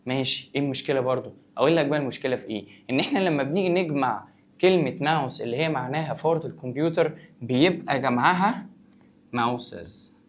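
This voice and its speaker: A man's voice: medium pitch, fast. A male English teacher with an Egyptian Arabic accent, going through vocabulary and asking and answering his own questions in a conversational way. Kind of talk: vocabulary lesson for students.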